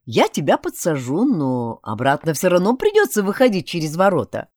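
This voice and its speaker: A woman voicing a calm, easygoing young man in an audiobook, speaking low and flat. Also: normal speed, no echo, studio quality. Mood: matter-of-fact. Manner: lowered, flat and melancholic delivery.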